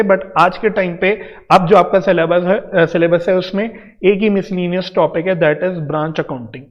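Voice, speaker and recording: A man with an Indian accent teaches an accountancy class, talking straight to his students and explaining things patiently. His voice sits fairly high. The recording sounds dull, with a long reverb trailing each phrase. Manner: explains patiently in Hindi-English mix, addresses students directly. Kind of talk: online coaching lecture.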